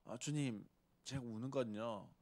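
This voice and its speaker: A man preaching a sermon as pastor, swinging between loud emphasis and hushed whispers and acting out quoted speech. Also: medium pitch, unhurried. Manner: acts out quoted speech of characters.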